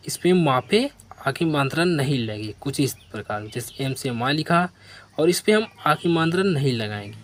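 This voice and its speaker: In a slow spelling lesson for beginners, a man spells words one letter at a time, asks the learner questions and has the viewer repeat after him. His voice is on the high side, with slight background noise.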